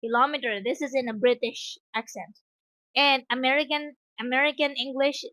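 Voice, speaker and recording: A woman's voice: high-pitched, a bit bright, dry recording. A woman teaching English one-on-one online, explaining patiently step by step. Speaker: English tutor.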